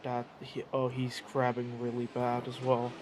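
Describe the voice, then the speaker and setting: A man's voice: medium pitch, completely flat delivery, unhurried. A man co-commentating a sim race live, adding analytical details about gaps and pit stops. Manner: analytical, adds reference details. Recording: loud engine noise on stream. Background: race car engine noise.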